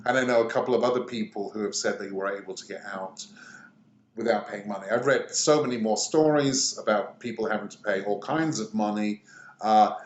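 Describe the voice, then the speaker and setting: A middle-aged man from England, speaking as an interview guest in a halting way, pausing often between phrases. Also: on the low side, muffled recording. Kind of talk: conversational interview. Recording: echoey room.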